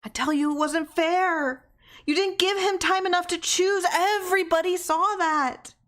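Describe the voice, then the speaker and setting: A woman voicing a defiant, protesting small-town wife and mother in a story reading, indignant and yelling in drawn-out complaints. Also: very high-pitched, pitched above the performer's own voice. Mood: insistent protest.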